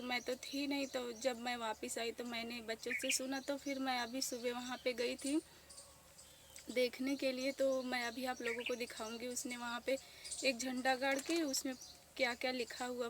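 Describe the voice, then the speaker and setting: A woman in her thirties speaking softly with grief as she tells a casual village vlog story outdoors. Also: a little high. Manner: grieving, soft-spoken. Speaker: village vlogger. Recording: noisy outdoor village ambience.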